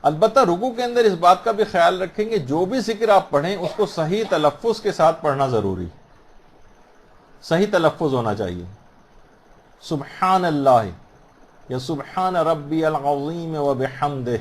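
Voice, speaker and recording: A man teaching the rules of prayer in a patient, explanatory way, repeating phrases and slowing down to model the correct pronunciation. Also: on the high side. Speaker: religious teacher. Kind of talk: instructional talk on prayer rules.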